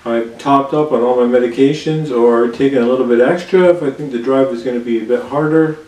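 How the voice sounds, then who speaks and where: A man in his forties talking candidly in a casual vlog, relaxed and easygoing, often pausing with fillers as he speaks. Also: medium pitch. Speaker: vlogger. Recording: roomy sound from a distant mic with faint background hiss.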